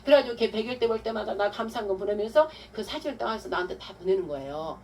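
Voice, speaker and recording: A woman pastor giving a testimony-style sermon, telling her story with animated, acted-out quotes. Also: mid-range voice, fast. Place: church hall. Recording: distant mic with faint room noise.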